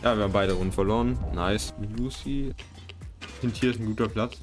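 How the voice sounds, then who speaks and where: A young man giving casual gameplay commentary, excitable and self-mocking, often swearing. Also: fairly low pitch, brisk. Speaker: gaming YouTuber. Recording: game music and gunfire behind. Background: game music and gunfire.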